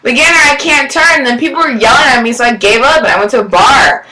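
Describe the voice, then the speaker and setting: Loud, bright young woman in a roomy recording. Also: a little high, lively intonation, quick pace. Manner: loud, candid, laughs often. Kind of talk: casual chat. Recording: roomy echo.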